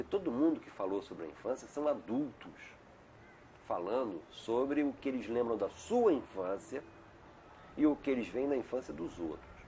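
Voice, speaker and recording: A man's voice: medium pitch, a little mellow, a little hiss or hum. A middle-aged male doctor talking as an interview guest in a casual, digressive way, often tagging "né?". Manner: chatty, digressive, frequent "né?" tags. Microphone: video call.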